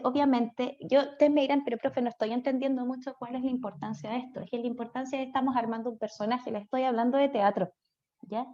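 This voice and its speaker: A Chilean woman teaching an online class, her voice sitting a little higher than most. She talks in a chatty way and keeps checking in with her students through quick tag questions. The audio is dull and lo-fi. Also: darkish tone. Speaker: speech therapy lecturer.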